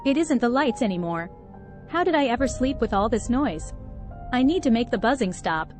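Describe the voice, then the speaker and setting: A woman's voice: fairly high pitch, expressive, moderate pace, darkish tone. A woman narrating a first-person horror story with a tense, dramatic delivery. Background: faint background music.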